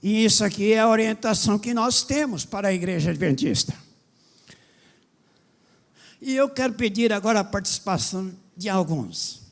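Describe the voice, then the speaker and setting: Impassioned high-voiced pastor. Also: male voice, expressive, normal speed, gravelly. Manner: impassioned, rising to loud emphatic questions. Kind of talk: sermon.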